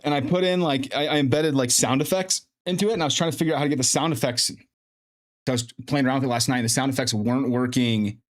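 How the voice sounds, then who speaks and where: A fast-talking livestream host with a mid-range voice chats away, thinking aloud as he fixes his audio setup. Faint music plays behind him, and he's using a streaming mic with in-ear monitoring.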